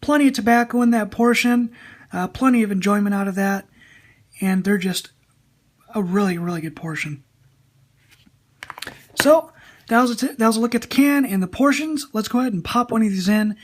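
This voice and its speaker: A woman's voice: medium pitch, moderate pace, long pauses. A woman giving a casual video product review, talking straight to viewers.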